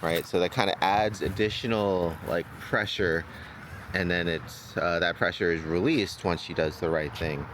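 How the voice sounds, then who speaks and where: Outdoors, with background noise around him, a man who trains dogs narrates a demonstration informally, thinking aloud and asking "right?". His voice sits low, his tone is steady, and his pace moderate.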